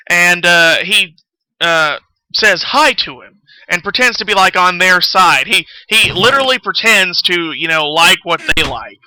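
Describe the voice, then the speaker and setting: A man's voice: high voice, bright, forceful tone, poor audio. A young man with a Southern US accent telling a story on a stream while he plays, rambling, swearing and losing his thread. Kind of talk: casual storytelling while gaming.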